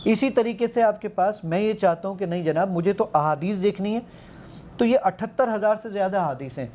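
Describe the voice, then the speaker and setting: Eager man demoing his app, mellow voice. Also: high voice, slight background noise. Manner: eager, quotes himself giving commands, counts aloud. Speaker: app founder demonstrating his app. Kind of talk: animated demonstration in an interview.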